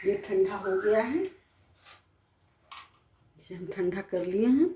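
A woman with a medium-pitched, dark-toned voice speaks slowly as she hosts a home cooking channel, plainly explaining each step in her kitchen. The sound is lo-fi with slight background noise.

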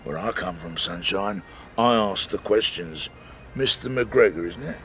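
An actor playing a fat, selfish, sarcastic older police chief inspector in a radio comedy drama. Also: male voice, deep voice, measured pace, fairly bright tone, slight background noise. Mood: cocky. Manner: gruff, sarcastic, grumbling.

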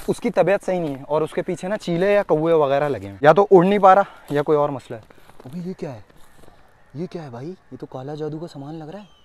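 A man filming a casual vlog outdoors in thorny scrubland, talking excitedly to the camera and dropping to a hush as he creeps closer. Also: a little high. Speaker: vlogger. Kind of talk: casual vlog narration while searching.

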